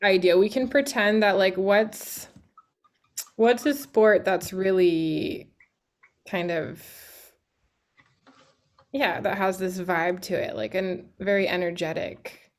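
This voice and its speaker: A woman's voice: medium pitch, takes it slowly, pauses often. A woman teaching a string student in a studio class, chatty and encouraging, singing out passages and using lots of fillers. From Canada. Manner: encouraging, chatty, many fillers and sung examples. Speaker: music teacher.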